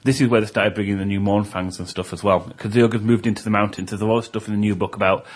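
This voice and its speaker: A man, a podcast co-host casually explaining game lore with many pauses and fillers. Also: lowish voice, steady tone. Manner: halting, many ums and uhs while explaining lore. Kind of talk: casual chat.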